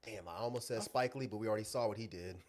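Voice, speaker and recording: A man co-hosting a casual podcast who talks animatedly, swears freely and breaks into loud laughter. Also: lowish voice, fast talker. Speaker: podcast co-host. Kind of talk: casual chat.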